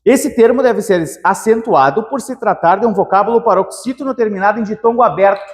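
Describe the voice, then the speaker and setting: A man teaching an exam-prep grammar lesson, lively and animated, talking straight to the student. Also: high-pitched, brisk, in a large hall. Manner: lively, animated, calls viewers "meu querido".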